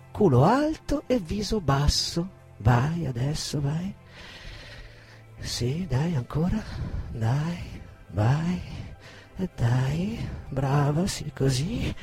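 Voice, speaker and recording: A man's voice: a little high, sing-song, measured pace, pauses often, faint music behind. An actor playing a raging abusive man. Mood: cold, menacing. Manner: swings from shouting insults to cold menace. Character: abusive aggressive man berating a woman. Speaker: actor reading a monologue. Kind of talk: dramatic reading.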